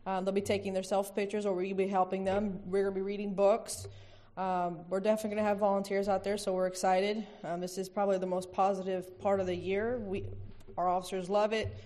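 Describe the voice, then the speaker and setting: A woman's voice: medium pitch, level tone, brisk, dark tone. A woman with a mid-range voice presenting at a public meeting. She speaks informally and keeps an upbeat manner as she briefs the room.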